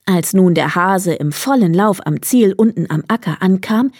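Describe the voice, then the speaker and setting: A woman reading a fairy tale aloud as storyteller, in a calm, measured manner. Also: fairly low pitch, dry recording, clean studio sound.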